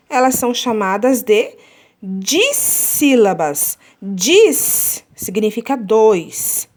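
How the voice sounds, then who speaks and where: A woman teaching a children's lesson, drawing words out syllable by syllable and often checking in with her class. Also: fairly high pitch. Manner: slow, drawn-out syllable counting.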